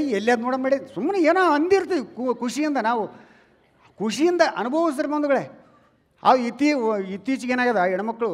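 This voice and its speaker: A man with a North Karnataka Kannada accent doing stand-up comedy on stage, chatting loudly with the crowd and calling them relatives. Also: high voice. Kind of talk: stand-up comedy before a live audience. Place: stage in a large hall. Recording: long hall reverb.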